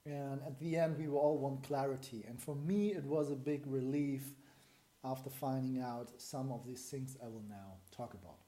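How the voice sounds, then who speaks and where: A German-accented breathing coach in his forties explains a method to camera in a small room at home, as an explanatory video lesson. His medium-pitched, dark-toned voice moves at a moderate pace, and he thinks aloud with restarts and fillers.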